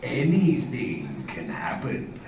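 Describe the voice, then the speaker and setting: Gruff old salty pirate, gravelly pirate accent, taunting, theatrical, far off in a noisy echoey hall. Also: male voice, mid-range voice, huge pitch swings, darkish tone, exaggerated voice. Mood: sly, foreboding. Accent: stage pirate. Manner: gruff old seafarer, slow, theatrical, archaic pirate talk. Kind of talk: theme park attraction narration. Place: indoor theme park show room. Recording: echoey, noisy on-site attraction recording, distant.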